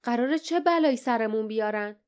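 A woman's voice: on the high side, animated, a little mellow, smooth, natural voice. A woman voicing a determined young male hero, speaking in a grim, resolute way.

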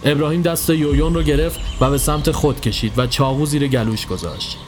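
A man giving a scripted narration of a horror story in a steady storytelling voice. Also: background noise. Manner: steady storytelling, dropping low for tense moments. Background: faint music.

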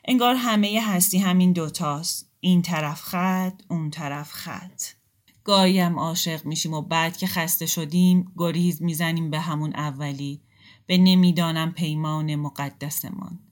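A calm intellectual man in a storybook reading reasons gently and tries to make peace, as a woman narrator reads him. The voice stays close to the reader's own, slightly low and unhurried. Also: lightly acted. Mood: reflective.

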